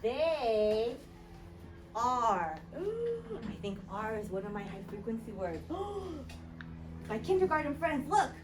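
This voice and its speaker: A woman with a fairly high, very animated voice teaches a kindergarten class in an encouraging kids show host manner. She asks short questions, repeats instructions and sounds out letters for young children. The recording is distant, with clear classroom noise around her. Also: a little slow. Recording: distant mic, noisy classroom.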